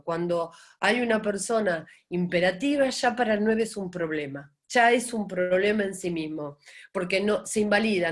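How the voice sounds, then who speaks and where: A middle-aged Argentine woman teaching in a live-streamed talk, asking rhetorical questions and acting out quoted voices. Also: fairly low pitch. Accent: Argentine Spanish. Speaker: Enneagram teacher.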